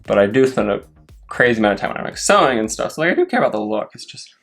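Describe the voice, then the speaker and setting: A young adult man who performs as a drag queen, chatting casually in an animated, rambling, self-deprecating way while doing makeup. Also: fairly low pitch, very fast, creaky. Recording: music playing behind the voice. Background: music.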